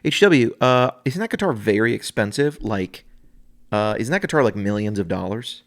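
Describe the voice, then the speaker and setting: A man's voice: fairly low pitch, expressive, normal speed. A man voicing a skeptical male listener who questions his spending in an incredulous, teasing manner.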